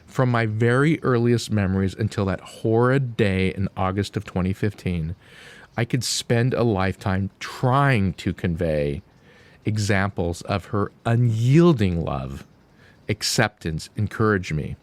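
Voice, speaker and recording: A man reading a written eulogy aloud in a solemn, grieving, deliberate way, with pauses. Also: lowish voice, expressive. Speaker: son giving a eulogy.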